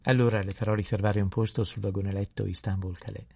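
A man reads a courteous hotel porter in an audiobook, polite and obliging. His voice is low, dark and gravelly, with a dry close sound. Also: little pitch movement, fast, dry recording.

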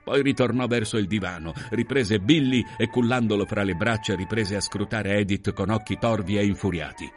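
A man narrating a literary novel in a measured, expressive reading. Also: lowish voice, faint music behind. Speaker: audiobook reader.

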